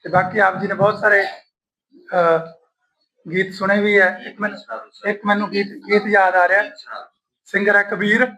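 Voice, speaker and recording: A Punjabi lyricist with a strained throat, speaking at an honour ceremony and singing his own songs slowly between remarks. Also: high voice, flat delivery, pushed and bright, rough recording. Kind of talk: speech with sung verses at an honour ceremony.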